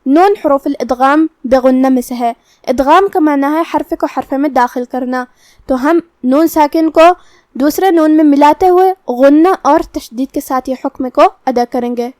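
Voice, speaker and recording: A Quran recitation teacher with a high voice gives a step-by-step lesson on the rules of recitation, calmly explaining each one in order and drawing out the verses slowly. The sound is dry and close, with no room sound.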